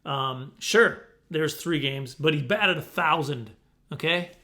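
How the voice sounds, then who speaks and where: A man's voice: a little high, takes it slowly, bright, forceful tone. A middle-aged man telling comic stories, defensive in mock fashion and repeating himself for laughs. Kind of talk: comic storytelling monologue.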